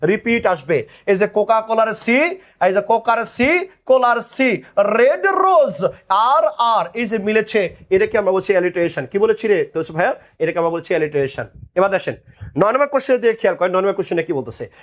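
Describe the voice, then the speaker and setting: A man's voice: high-pitched, expressive, fast talker. A young man teaches an online admission class, drilling answers and teasing students. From Bangladesh. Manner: drilling call-and-response, repeating answers.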